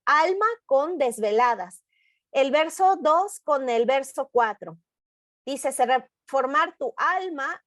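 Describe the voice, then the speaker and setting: A woman teacher giving an online workshop lesson on poetry analysis over a video call, explaining patiently and reading poem lines aloud slowly. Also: sits high, no echo, clean studio sound.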